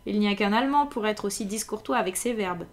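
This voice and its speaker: A woman's voice: medium pitch, fast, slight background noise, close to an everyday voice. A woman reading as a dry, self-assured detective. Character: sharp, self-assured male detective, middle-aged.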